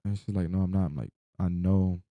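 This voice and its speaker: A man's voice: deep voice, steady tone, fairly quick, no echo, narrow, tinny audio. A young man, sleep-deprived and drowsy, rambling casually through a personal story in loose slang with some swearing.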